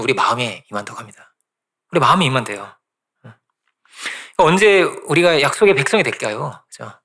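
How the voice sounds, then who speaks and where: A man's voice: on the high side, sharp tone. A male pastor giving a conversational sermon, often asking the congregation "right?" and repeating phrases for emphasis.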